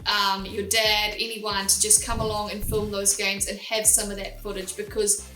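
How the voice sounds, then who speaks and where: Faint music sits behind this young host with a New Zealand accent as she walks through practical tips step by step on her casual vlog, in a direct manner. She speaks at normal speed in a medium-pitched, level voice that sounds pushed and bright. The sound is roomy, with the mic a bit far away.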